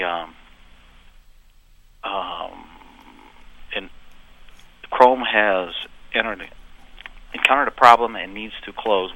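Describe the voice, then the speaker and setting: A caller heard over a landline phone, a man from Ohio with a bright, sharp-edged voice pitched on the low side. He talks haltingly, full of ums, and keeps pausing for an okay as he goes. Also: rough recording. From Ohio, USA. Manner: halting, many ums and checking okays. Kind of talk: call-in radio caller describing a computer problem.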